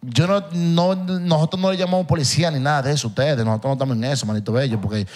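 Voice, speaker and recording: A man sits in on a casual podcast chat as a guest. His voice sits a little higher than most men's, and he tells his story in emphatic, looping repetitions. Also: very fast, darkish tone.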